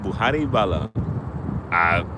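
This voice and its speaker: Man, low voice, casual live-stream chat, rambling, fishing outdoors, windy mic noise. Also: animated, a little slow. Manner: rambling, laid-back, many fillers and restarts. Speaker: livestreaming angler. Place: outdoors by the water while fishing.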